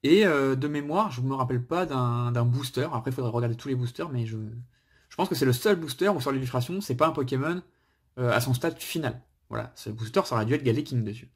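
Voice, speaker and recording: A man's voice: mid-range voice, fast, breathy edge. A man hosting his own channel, chatting casually and thinking aloud while he opens trading card packs, with many small fillers. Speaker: card collector and channel host. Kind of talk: casual pack-opening chat.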